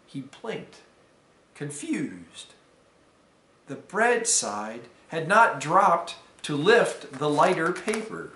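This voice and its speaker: A man, a deacon, reading a fable aloud to students in a careful, measured storytelling manner. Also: on the high side, sing-song, pushed and bright. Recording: roomy echo.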